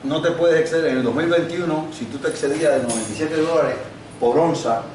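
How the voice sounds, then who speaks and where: Older man, guest lecturer, chatty explaining, booming reverberant room, heard from a distance. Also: brisk, darkish tone. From Cuba. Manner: conversational, explains with examples and asides. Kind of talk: university lecture. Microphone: no microphone, distant recording. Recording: very echoey room, distant mic, faint noise.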